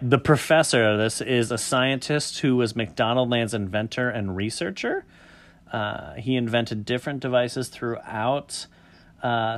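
A man hosting a loose podcast conversation reads down a list one entry at a time. He breaks it up with quick jokes and offhand comments. His voice sits in an ordinary middle pitch. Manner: reads entries aloud with quick joking asides. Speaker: podcast host. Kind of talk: casual podcast chat.

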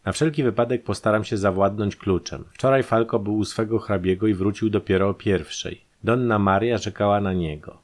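A man's voice: fairly low pitch, fairly quick, hardly any pauses, close to an everyday voice. A man voicing a calculating, ironic male thief in an audiobook, speaking with raised, eager intensity. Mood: scheming.

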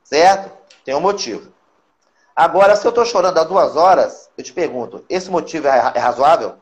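A Brazilian man speaking as a psychoanalyst guest on a live-stream interview, talking in an animated, coaching way. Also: a little high, brisk. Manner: animated, coaching, acts out quotes.

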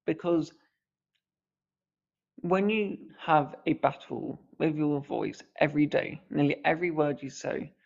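Over lo-fi sound, a man hosting a podcast reflects earnestly, stumbling with a slight stammer now and then. His voice is on the high side, a little slow, gravelly, and somewhat mellow.

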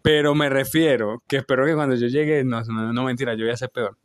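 A man's voice: medium pitch, fairly even intonation, fairly quick, clean tone, no echo. Rambling young man telling stories. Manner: rambling storyteller with many fillers and restarts, laughs often. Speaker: podcast co-host. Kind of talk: casual podcast chat.

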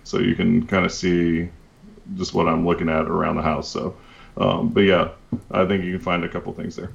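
A man's voice: low-pitched, flat delivery, moderate pace, creaky, muffled recording. A man speaking as a guest photographer on a podcast, rambling casually with many fillers and restarts.

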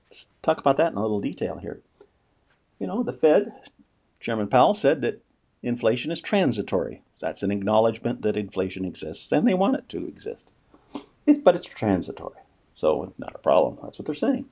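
A man's voice: medium pitch, creaky, a little mellow, husky, muffled recording. A man giving a casual, unscripted economic commentary, asking rhetorical questions and often restarting his sentences. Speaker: finance commentator.

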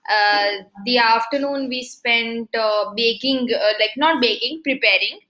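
Bright, giggly woman podcaster. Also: on the high side, measured pace. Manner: giggly, rambling storyteller. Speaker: podcast co-host. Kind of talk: casual chat. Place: at home.

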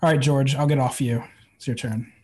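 A man's voice: mid-range voice, fairly even intonation, brisk, darkish tone, slightly rough. A man chatting on a video call in a laid-back, thoughtful way, with lots of filler words. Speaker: freelance call participant. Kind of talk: casual chat.

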